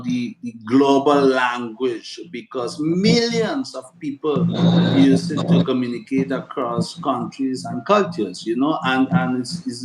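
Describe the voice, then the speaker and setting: A Spanish-speaking man with a medium-pitched voice answers casual interview questions as a guest, chatty and earnest. He repeats words and leans on fillers a lot. The room is echoey and the background noise is loud.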